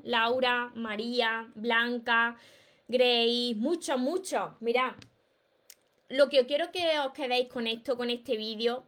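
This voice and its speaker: A woman's voice: a little high, a bit bright. A woman with a Peninsular Spanish accent who hosts a live stream as a self-help author, giving emphatic, encouraging advice and greeting viewers by name.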